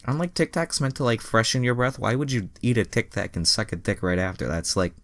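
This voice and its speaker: A man with a medium-pitched voice reads fan fiction aloud at a brisk pace. It's a dramatic reading that he keeps interrupting with exasperated, profane remarks about the text.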